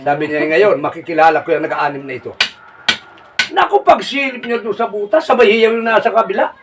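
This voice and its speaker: A man telling jokes in a folksy, rambling way, laughing at his own punchlines and shouting them out. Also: high voice, a little fast. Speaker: comedy joke teller. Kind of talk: casual joke telling. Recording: distant mic with faint noise.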